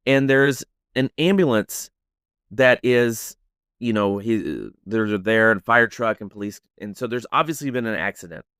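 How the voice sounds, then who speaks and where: A man hosting a podcast, telling a story in an animated way with lots of "like"s. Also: fairly low pitch, unhurried, smooth, no room sound, clean studio sound. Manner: animated, many "like"s, acts out voices.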